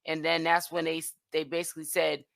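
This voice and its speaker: Lady chatting on her stream, bright voice, dry close mic, reads comments and trails off. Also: low voice, level tone, brisk, gravelly, dry recording. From Boston, Massachusetts. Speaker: host of a livestream commentary channel. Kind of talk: casual chat reading viewer comments.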